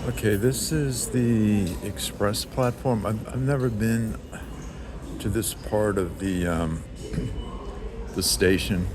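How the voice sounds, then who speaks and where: Deep-voiced, halting male vlogger. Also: a crowd in the background. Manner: hesitant, halting, thinking aloud. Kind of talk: casual travel narration. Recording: noisy subway and street ambience. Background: transit ambience, vehicle noise.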